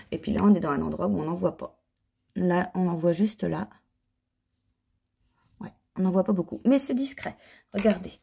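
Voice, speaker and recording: A woman's voice: medium pitch, creaky, mellow, slightly rough. A woman chatting casually in a home knitting vlog, rambling with restarts and hesitations as she shows her yarns. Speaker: knitting vlogger and yarn dyer. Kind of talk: casual chat. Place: home living room, on the sofa.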